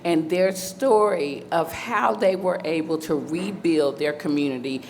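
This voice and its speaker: Confident low-voiced woman novelist. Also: measured pace, darkish tone, slight background noise. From Ohio, USA. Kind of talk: panel talk. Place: book festival panel room.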